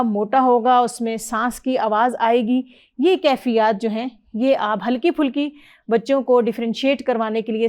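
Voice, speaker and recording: With a slightly high, somewhat mellow voice, this middle-aged Pakistani woman works with a student on Quran reading. She patiently explains and drills the letter sounds, pronouncing them clearly and offering praise.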